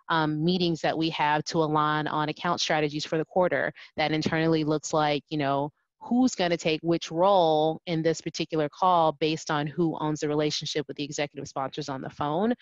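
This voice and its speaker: A woman's voice: low voice, dry recording. A young adult woman, a customer success manager, explaining steadily on a video call panel. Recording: dull, dry webcam audio.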